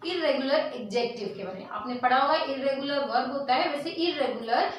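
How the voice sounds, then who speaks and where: A woman teaching English grammar in an online lesson, switching between Hindi and English, reading rules out slowly and asking and answering her own questions. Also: sits high, very echoey, recorded from a distance, slight background noise, low-quality recording.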